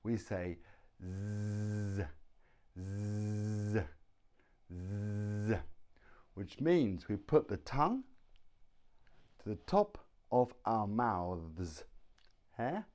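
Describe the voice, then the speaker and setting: A man with a British accent gives a slow, deliberate pronunciation lesson. His low-ish voice swings widely in pitch as he repeats each sound again and again. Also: big pitch swings, a little mellow. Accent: British English. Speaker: English pronunciation teacher.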